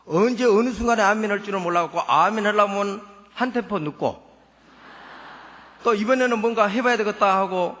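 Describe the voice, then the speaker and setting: A church elder with a thick Jeolla dialect accent tells his conversion story in a playful, storytelling way. His voice sits high and sounds bright and forceful. The sound carries a long reverb from a church hall. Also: normal speed. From Suncheon, South Jeolla, Korea. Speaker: church elder giving testimony. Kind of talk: humorous testimony at a church revival meeting.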